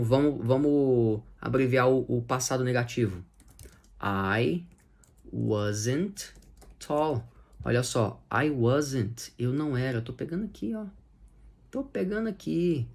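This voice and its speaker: Brazilian man teaching English, unhurried and patient, mid-pitched, repeats every example. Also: expressive, vocal fry, a little mellow. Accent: Brazilian Portuguese. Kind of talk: explaining English grammar to Portuguese speakers.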